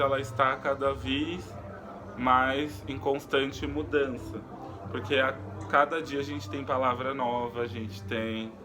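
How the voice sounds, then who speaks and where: A man teaching a recorded lesson in an unhurried, explaining way, pausing often with fillers and restarts. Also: mid-range voice.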